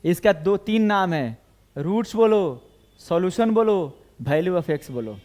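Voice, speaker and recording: A man with a high voice teaches a math class in a classroom. He works through each equation step by step and keeps putting questions to his students. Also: expressive, slow pace, a little mellow. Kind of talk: classroom lecture.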